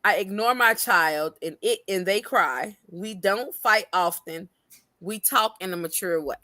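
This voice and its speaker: Woman, co-host, mother, playful, laughs often, casual chat, bright, dry sound. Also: mid-range voice, measured pace, no room sound.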